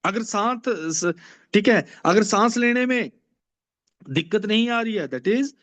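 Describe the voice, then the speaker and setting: A man's voice: high voice, animated, takes it slowly, a bit bright. A man teaching a lecture class, reciting classical verses and explaining them, asking questions and answering them himself. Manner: recites Sanskrit verses then explains in mixed Hindi and English. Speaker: Ayurveda teacher. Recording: dull lo-fi recording.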